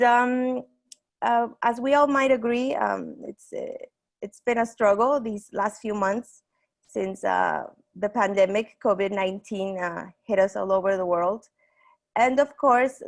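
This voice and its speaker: Creaky-voiced young woman with a Mexican accent. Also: mid-range voice. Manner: hesitant, halting. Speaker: online meeting host. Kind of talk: semi-formal welcome speech.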